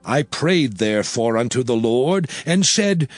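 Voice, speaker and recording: A man's voice: mid-range voice, animated, unhurried, no room sound, clean studio sound, close to an everyday voice. A man playing Moses, a solemn prophet addressing his people in a declamatory, dramatized scripture reading with archaic diction. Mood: pleading. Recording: music behind the voice. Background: background music.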